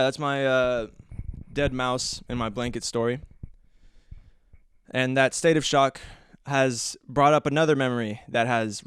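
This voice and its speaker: A man's voice: medium pitch, smooth, dry recording, studio quality. A young man hosting a podcast, telling a story in a rambling way with lots of restarts and fillers, acting out his own reactions. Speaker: podcast host. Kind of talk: casual storytelling monologue.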